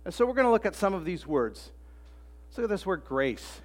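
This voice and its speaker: A man preaching a sermon as pastor, telling stories with lively acted quotes and repeating key phrases for emphasis. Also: sits high, a little fast.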